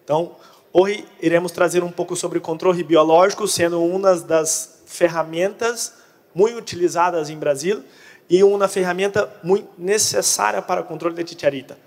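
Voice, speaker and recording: Brazilian man mixing Portuguese and Spanish, higher-pitched. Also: fairly even intonation, normal speed, a little mellow. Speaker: conference speaker. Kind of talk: technical presentation. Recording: reverberant hall sound.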